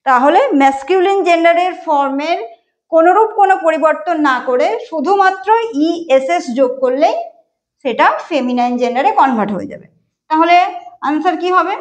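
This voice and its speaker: A woman teaching an exam-prep grammar lesson, explaining step by step and spelling words out letter by letter. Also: sits high. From Bengal. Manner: explains step by step, often says "ঠিক আছে".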